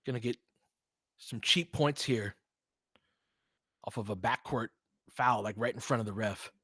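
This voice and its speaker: A man calls a live basketball game as host and play-by-play commentator, casual and fan-biased, in short clipped informal phrases while reacting emotionally to every play. His medium-pitched voice is a little slow, pushed, bright and husky, in clean studio sound with no echo.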